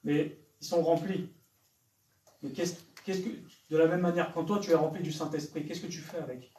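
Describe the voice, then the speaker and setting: A man's voice: on the high side, fairly even intonation, normal speed, mellow. A man preaching to young people, pressing them with direct questions. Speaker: evangelist preacher. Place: church hall. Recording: echoey church hall, from far off.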